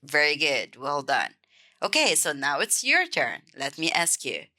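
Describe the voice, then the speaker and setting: A woman from Egypt with an Egyptian accent, teaching a beginner language lesson and clearly repeating each word several times. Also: low voice, huge pitch swings, measured pace, bright, forceful tone. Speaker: Arabic teacher.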